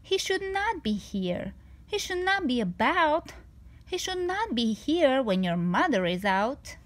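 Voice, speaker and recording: A woman's voice: high-pitched, sing-song, measured pace. A woman voicing a fussy, worried little pet fish in a storybook, indignant and scolding. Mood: alarmed. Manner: indignant, protesting.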